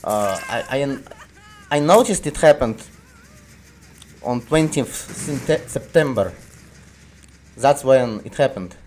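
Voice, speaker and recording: Halting man with a Russian accent. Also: mid-range voice, animated, a little mellow, slight background noise. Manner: hesitant, halting, with frequent restarts. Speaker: gaming video creator. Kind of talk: casual commentary over gameplay.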